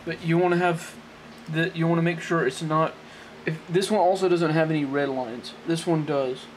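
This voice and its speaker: Rambling and backtracking, an amateur presenter with a kinda high, fairly evenly intoned voice improvises a tech tutorial at a desk in a small room. The handheld camera capturing him sits close behind, off-screen, and its mic is noisy.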